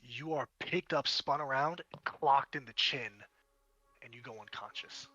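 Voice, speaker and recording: Male game master for tabletop fantasy narration; crisp bright tone, dramatic emphasis. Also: medium pitch, unhurried, no echo, muffled recording.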